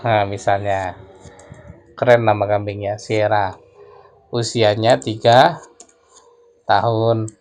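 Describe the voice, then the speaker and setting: A man giving a screen-recorded coding tutorial, explaining slowly and thinking aloud as he types. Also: mid-range voice. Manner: slow, explanatory, thinks aloud while typing. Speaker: programming tutor.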